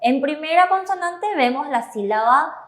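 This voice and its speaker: A woman's voice: high voice, lively intonation, normal speed, roomy sound. A woman with a Paraguayan Spanish accent co-hosting a language lesson, prompting the teacher with questions and approving answers. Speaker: Spanish-speaking co-host of a Korean lesson. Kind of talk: classroom-style explanation on a TV lesson.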